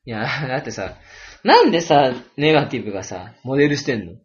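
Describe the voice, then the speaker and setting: A man's voice: mid-range voice, sing-song, quick pace. A man, co-hosting a casual radio chat and teasing his friend. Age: 20s. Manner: teasing, playful, jumps between loud and quiet. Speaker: radio show co-host. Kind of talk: casual banter. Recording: dull lo-fi home recording.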